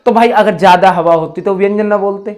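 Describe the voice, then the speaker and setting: A man's voice: high voice, fairly even intonation, fairly quick, a little mellow. A man teaching a grammar lesson in a chatty, rustic way, asking questions and then answering them himself. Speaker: Hindi teacher. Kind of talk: classroom lecture.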